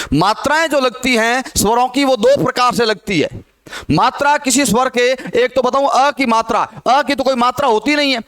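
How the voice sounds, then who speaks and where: High, smooth-voiced male Hindi teacher. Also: a bit bright. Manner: asks questions and answers them himself. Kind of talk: classroom grammar lesson.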